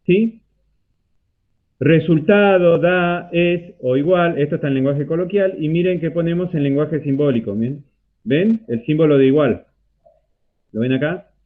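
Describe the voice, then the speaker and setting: A man with an Argentine accent teaching a math class online, explaining step by step and checking in often with a rising "¿sí?". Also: on the high side. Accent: Argentine Spanish. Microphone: computer mic on a video call. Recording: tinny phone-like video call audio.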